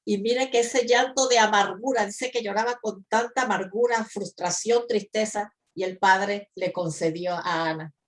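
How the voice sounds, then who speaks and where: A woman's voice: medium pitch, moderate pace, hardly any pauses. Give me a woman co-host in a Bible talk, earnest and encouraging, speaking directly to listeners. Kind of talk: Bible discussion.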